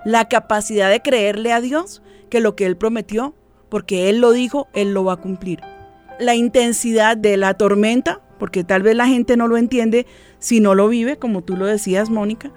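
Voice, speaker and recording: A woman, a guest on a program, giving an earnest, reflective personal faith testimony and sometimes dropping to a soft voice. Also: on the high side, steady tone, normal speed, soft background music.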